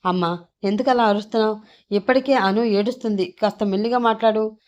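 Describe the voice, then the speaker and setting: A woman's voice: a little high, normal speed, pitched above the performer's own voice, lightly acted. A woman voicing an exasperated middle-aged father who argues firmly, in a storybook reading. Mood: irritated.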